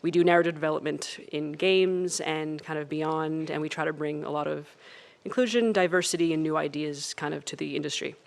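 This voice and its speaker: A woman's voice: low-pitched, fairly even intonation, fairly quick, creaky. Nervous woman giving a conference talk. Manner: hedging with fillers. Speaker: conference speaker. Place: conference hall.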